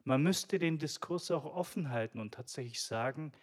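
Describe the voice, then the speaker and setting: Measured, reflective man from Swabia. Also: a little high. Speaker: radio co-host. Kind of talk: radio discussion.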